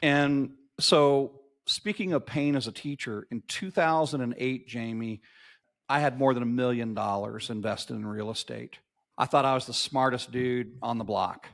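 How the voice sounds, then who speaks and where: This podcast guest, a marketing agency owner in his fifties, has a gravelly mid-range voice and talks at normal speed. He tells stories in an animated interview style, emphatic and motivational, hammering home key phrases by repeating them.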